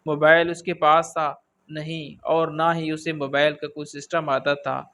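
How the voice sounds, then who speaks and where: A man reading a scripted story aloud in a steady, even storytelling manner. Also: a little high, slight background noise.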